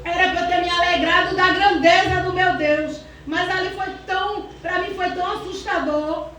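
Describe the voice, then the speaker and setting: A woman with a very high voice gives a fervent church testimony, fighting back tears as she calls out praise. She is picked up from a distance in a very echoey hall. A faint hum of the room sits underneath. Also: fairly even intonation, moderate pace, fairly bright tone. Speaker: church member giving testimony.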